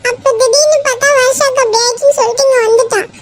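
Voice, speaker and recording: A woman's voice: fairly even intonation, racing, loud music behind the voice, rough recording. A woman voicing a tearful young woman in a cartoon, pleading and sobbing as she insists on her love. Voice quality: very high shifted cartoon voice. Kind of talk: cartoon voice acting.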